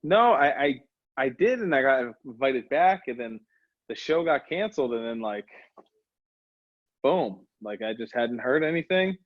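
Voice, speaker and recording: A man's voice: medium pitch, a little slow, no echo, dull audio. Man telling a wrestling story over a call. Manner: animated storyteller, acts out others' lines. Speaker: professional wrestler, interview guest. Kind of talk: casual interview storytelling.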